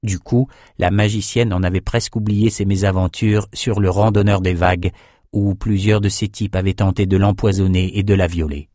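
Male audiobook narrator, even fantasy storytelling, dry studio sound. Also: low-pitched, moderate pace, no room sound.

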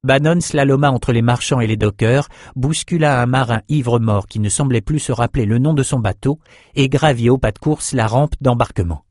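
A man reads a fantasy audiobook with steady, even storytelling at a mid pitch. The recording is very dry and close, with no room sound. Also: normal speed, dry recording. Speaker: audiobook narrator. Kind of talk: scripted narration.

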